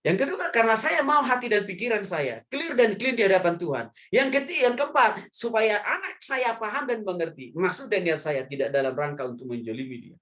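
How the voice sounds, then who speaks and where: Lively, joking male pastor preaching. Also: high-pitched, a little fast, few pauses. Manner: lively, humorous, chuckles often, addresses the men directly. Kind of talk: sermon.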